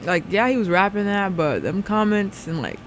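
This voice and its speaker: A man's voice: lively intonation, normal speed, fairly bright tone. A man giving a casual, tentative reaction to music in conversation. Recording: faint vehicle rumble in background.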